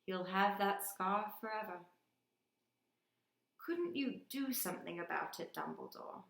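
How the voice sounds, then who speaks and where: A woman voicing a stern older female witch professor with a hushed, scolding manner, reading a storybook aloud. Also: medium pitch, animated, a little slow, vocal fry, roomy sound. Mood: worried.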